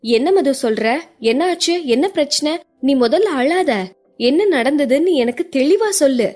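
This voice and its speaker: A woman voicing a quick, firm young woman who scolds and coaxes a friend, in an audio story. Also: high voice, animated, darkish tone, faint music behind. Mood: worried. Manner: brisk, scolding, then coaxing.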